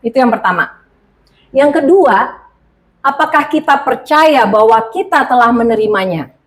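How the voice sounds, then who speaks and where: A woman preaching, telling a personal testimony in a conversational, animated way and speaking directly to the congregation. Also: fairly high pitch, moderate pace.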